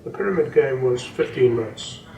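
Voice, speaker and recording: Here the octogenarian snooker coach and referee, a native Welsh speaker, sounds mellow and animated in a mid-range voice as he reminisces during an interview. He talks unhurriedly at a moderate pace, with frequent ums and restarts, while the distant mic picks up room echo and background noise.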